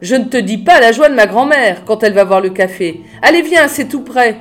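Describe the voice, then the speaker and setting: A woman reading a storybook voices a practical teenage girl who talks briskly and sharply. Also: on the high side, lively intonation, soft background music, lightly acted. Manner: brisk, acerbic.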